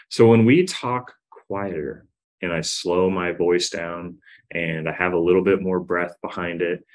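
A man teaching sales technique in a casual coaching tone, often checking in with "right?". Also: deep voice. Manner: coaching, demonstrates tones, says "right?" and "we wanna" often. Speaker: sales trainer. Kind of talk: instructional talk.

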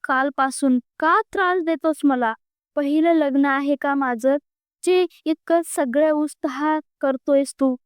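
A woman's voice: high voice, level tone, moderate pace, few pauses, no room sound, lightly acted. A woman voicing an angry young man, a reluctant groom, speaking in a heated, accusing way during a storybook reading. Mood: tearful anger. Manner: heated, accusing, close to tears.

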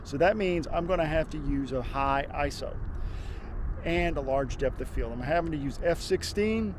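A man's voice: fairly high pitch, moderate pace. A man in his fifties, a landscape photographer, talking casually on a windy open hilltop outdoors through a lapel mic, thinking aloud as he explains his camera settings. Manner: relaxed, thinking aloud with fillers and restarts.

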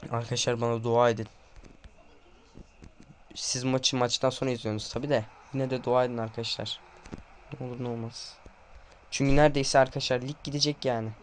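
A man's voice: medium pitch, a little fast, long pauses, a little hiss or hum. A young man playing a football video game, nervously calling out player names to his viewers, saying his hands are trembling, then erupting when a goal comes. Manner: tense and excited, calling player names, bursting into goal shouts. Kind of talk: live gameplay commentary to viewers.

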